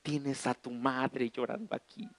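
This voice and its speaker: A man's voice: medium pitch, fairly even intonation, dry recording, natural voice. A man doing a stern old Mexican father. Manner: stern, slow, reproachful.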